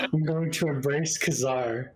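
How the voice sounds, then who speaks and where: A man playing a tabletop game, asking questions and declaring actions in an unhurried way, thinking aloud with ums. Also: fairly high pitch, slight background noise, low-quality recording. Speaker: player. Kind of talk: casual tabletop game play.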